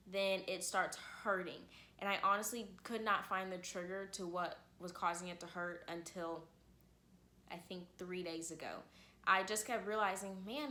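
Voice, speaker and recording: Bright-voiced young woman vlogging. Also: medium pitch, echoey room. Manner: chatty, frequent "like" and "literally". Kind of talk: casual personal story to camera.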